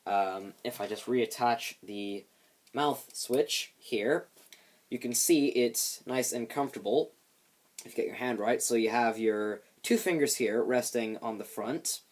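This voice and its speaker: A man's voice: medium pitch, measured pace. A man giving a casual hands-on demonstration of a homemade build, explaining it with light self-deprecation.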